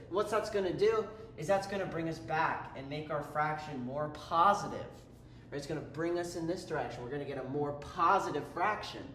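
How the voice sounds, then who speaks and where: A man's voice: a little high, fairly bright tone. A man teaching a calculus lesson in a casual, chatty way, breaking off mid-sentence and tossing in playful asides. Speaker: math tutor. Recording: roomy echo, faint ambient noise.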